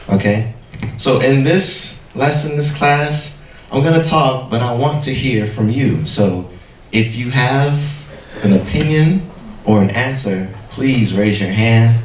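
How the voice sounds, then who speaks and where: Man lecturing an audience, unhurried, checks understanding, faint room noise, echoey. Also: mid-range voice. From United States. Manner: friendly, checks in often with "okay?". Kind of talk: public talk to an audience. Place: lecture hall. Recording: echoey hall, faint ambience, mic at a distance.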